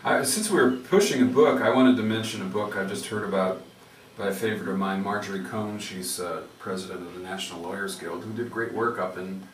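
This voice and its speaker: Low-voiced man hosting public radio, roomy and noisy. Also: a little fast, distant mic.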